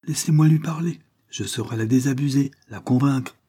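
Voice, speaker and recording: A man's voice: mid-range voice, moderate pace, dark tone, husky, voice pushed up, natural voice. A man reading aloud voices a frightened young man on the run, pleading desperately.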